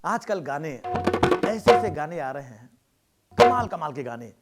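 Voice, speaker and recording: A man telling jokes on stage in a lively, animated way. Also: on the high side, unhurried, over loud music. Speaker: stand-up comedian. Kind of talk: stand-up joke telling.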